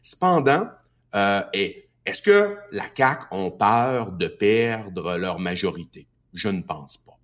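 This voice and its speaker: A man with a Québécois French accent, a political guest on talk radio, arguing his case in an emphatic, animated way and building points through repetition. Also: fairly low pitch, takes it slowly. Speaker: political guest, party health spokesman.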